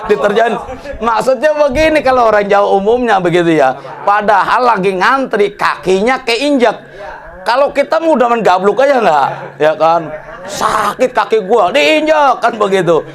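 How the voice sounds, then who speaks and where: A man's voice: sits high, animated, moderate pace, gravelly. A man preaching a casual study sermon, joking in slang and often asking the listeners to agree. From Indonesia. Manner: jokey, colloquial, asks audience for agreement. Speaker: Islamic preacher.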